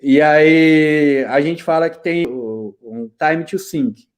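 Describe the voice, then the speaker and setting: Brazilian man, 30s, fairly high voice, animated slangy storyteller, video call. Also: takes it slowly. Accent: Brazilian Portuguese. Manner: lively storyteller, slangy, laughs often. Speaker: guest, IT specialist. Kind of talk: casual interview chat.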